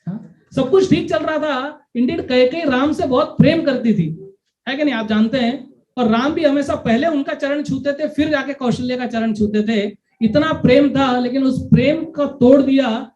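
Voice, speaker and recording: A man's voice: very high-pitched, normal speed, a little mellow. A man giving a devotional lecture who keeps asking the audience questions and mixes English phrases into his Hindi. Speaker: lecturer on scripture. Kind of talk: devotional lecture with sung verses. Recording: dull lo-fi recording.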